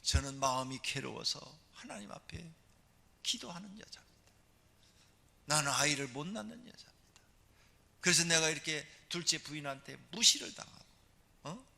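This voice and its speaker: A man acts out a desperate childless woman begging in prayer, her cries climbing high in a lively, swooping line. The voice is bright and husky and rings in a long church-hall reverb. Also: moderate pace, pauses often, heavily acted. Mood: anguished. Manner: tearful, pleading, rising to high cries.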